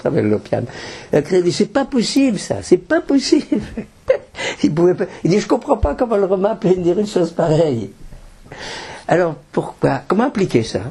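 Husky older rabbi giving a class. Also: male voice, on the high side, darkish tone. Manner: explanatory, practical tips, mixing in Hebrew terms. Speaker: rabbi teaching students. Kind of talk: Torah class.

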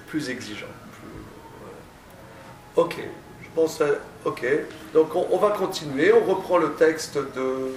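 A male teacher giving a classroom lecture, often stammering and restarting, stressing points with drawn-out phrasing. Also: mid-range voice. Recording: echoey room, distant mic, faint noise.

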